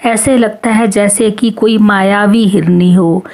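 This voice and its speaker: A struggling hunter with a soft heart, voiced by a woman reading a storybook, talks in a slow, plain, reflective way. The pace is unhurried and measured. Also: medium pitch, steady tone. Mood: musing.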